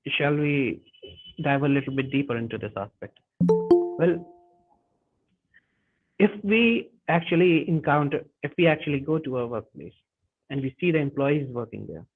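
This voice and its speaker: A man presenting a webinar lesson, talking haltingly with frequent restarts and self-corrections. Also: fairly high pitch, lively intonation, faint music behind. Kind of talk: lecture on workplace communication. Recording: tinny phone-like webinar audio.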